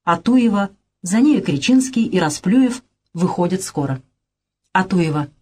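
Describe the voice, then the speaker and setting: A woman reading a play aloud, giving the stage directions in a plain, even way. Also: on the low side, a little slow, slightly rough. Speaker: reader.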